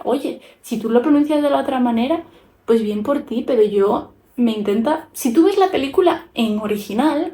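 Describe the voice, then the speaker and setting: A woman's voice: high-pitched, dark tone, reverberant. A young woman with a Spanish accent from Spain chatting frankly in a casual podcast style as a YouTuber, giving her opinions while she draws.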